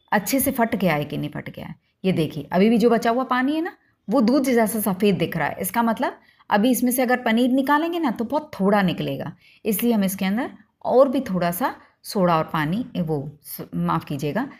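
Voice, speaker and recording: A woman hosting a home cooking demonstration, explaining each step to viewers in a homely, instructive way. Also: mid-range voice. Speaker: cooking channel host.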